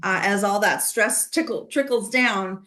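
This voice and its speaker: Casting: woman speaker, mid-pitched, conversational and emphatic, video-call sound. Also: a little slow, bright, forceful tone. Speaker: guest speaker. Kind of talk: business talk on a video call.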